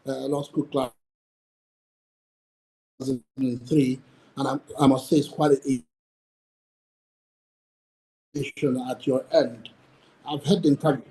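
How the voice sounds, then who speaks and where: A man in his forties, a lawyer on a panel speaking over a remote call whose connection keeps cutting his voice in and out, in a halting way with restarts. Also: medium pitch, little pitch movement, warm tone, breathy edge, poor audio. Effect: voice breaking up over an unstable call connection. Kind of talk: panel discussion. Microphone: remote video call.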